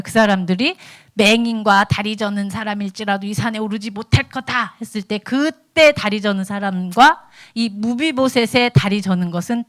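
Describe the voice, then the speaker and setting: Woman preaching a lively devotional. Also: mid-range voice. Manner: animated storytelling, acts out quoted dialogue. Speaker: evangelist. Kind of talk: morning devotional sermon.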